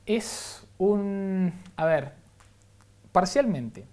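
A man with a Rioplatense Spanish accent speaks very slowly in a high, expressive, slightly mellow voice. As an interview guest he explains science like a teacher, using examples and frequent rhetorical "¿no?" checks.

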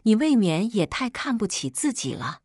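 A woman narrator voicing a shrewd, amused female ally who speaks in a knowing, brisk way. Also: a little high, very animated, a little mellow, no room sound, studio quality, voice pushed up.

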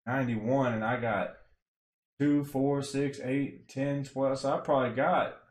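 A man's voice: medium pitch, a little slow. A young man streaming from a home room, casually explaining a game farm with lots of fillers. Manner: relaxed, rambling, many fillers. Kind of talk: casual game guide commentary. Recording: echoey room.

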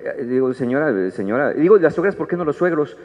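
A man's voice: fairly high pitch, very animated, quick pace. A man with a Mexican accent giving a humorous talk about his book to a live audience at a book fair, acting out little dialogues in changing voices. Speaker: author presenting his book. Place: large hall at a book fair. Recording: dull echoey hall recording.

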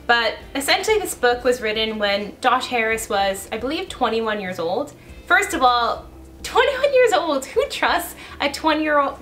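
A young woman, a vlogger and YouTuber talking fast and chattily to her viewers. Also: on the high side, fairly bright tone. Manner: fast, chatty, laughing asides. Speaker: YouTuber and blogger. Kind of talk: casual vlog commentary.

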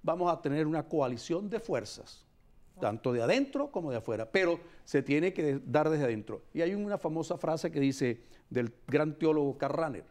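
A man's voice: on the high side, expressive, moderate pace, a little mellow. A man in his sixties, a priest on a TV panel, speaking emphatically, almost preaching, in a heated debate. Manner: emphatic, preaching, gestures broadly. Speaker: priest guest. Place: TV studio. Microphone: lapel.

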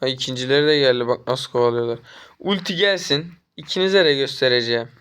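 A young man from Turkey commentating his own mobile game as he plays, taunting and trash-talking the enemy and getting excitable during chases. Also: medium pitch, fast, clear, resonant tone. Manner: excitable, jumps up when chasing. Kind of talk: live gameplay commentary.

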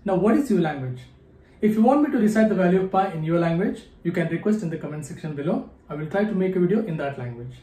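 A man in his thirties with an Indian English accent, a memory athlete who hosts his own channel, speaks to camera in an echoey room. His voice is high, mellow, and animated, and he talks fast, yet he recites number words one at a time in a slow, deliberate way with rising and falling tones.

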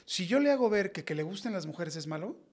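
A Mexican man in his forties, a podcast guest, telling personal stories in a blunt, slangy, animated way. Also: high-pitched, fast. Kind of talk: casual podcast conversation.

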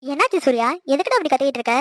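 A woman's voice: high-pitched, sing-song, rapid-fire, no room sound, voice pushed down. A woman voicing a worried middle-aged mother in a cartoon, alarmed and scolding. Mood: concerned.

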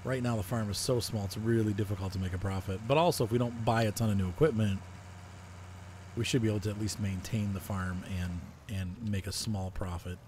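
Giving casual farming-sim commentary, a male gaming video host thinks out loud and uses many fillers. His low, darkish voice moves a little fast with fairly even intonation, over slight background noise.

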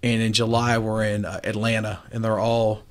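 A man in his forties, an appliance store owner, talking briskly and confidently as a guest on a radio show over a video call. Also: on the low side, completely flat delivery, a little hiss or hum. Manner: brisk, confident business talk. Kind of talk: casual radio talk interview. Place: small room, indoors, remote video call. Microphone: studio mic with headphones.

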